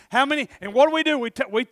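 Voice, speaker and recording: A middle-aged man preaching a sermon, swinging from shouted urgency to low, intimate asides. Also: fast talker, dry recording, studio quality.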